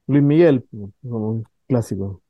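A man's voice: mid-range voice, unhurried, dry recording. A Chilean man hosting late-night radio, joking and rambling as he hunts for words. His voice is close and dry, with a slightly dulled, lo-fi edge. The talk is loose and casual. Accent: Chilean Spanish. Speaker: radio host.

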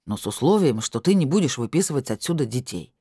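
A man's voice: medium pitch, very animated, fast, mellow, breathy edge, dry recording, studio quality. A woman doing a sheepish mumbling ex-husband. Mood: grudging. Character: sheepish evasive man, ex-partner caught drinking.

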